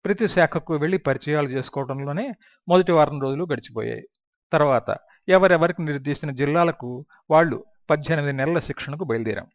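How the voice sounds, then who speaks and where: A man's voice: a little high, fairly quick, dry recording, clean studio sound. Man narrating a memoir audiobook. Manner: reflective first-person storytelling.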